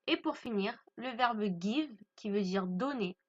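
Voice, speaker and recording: A woman's voice: on the high side, animated, unhurried, muffled recording. A woman from France teaching English grammar to French speakers, patiently stressing pronunciation and repeating each point.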